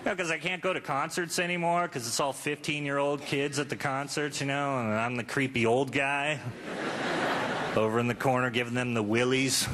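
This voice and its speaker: This live club recording catches a thirty-something comedian doing a self-deprecating, crude, chatty routine, with a noisy crowd audible throughout. His mid-range voice keeps a steady tone and moderate pace.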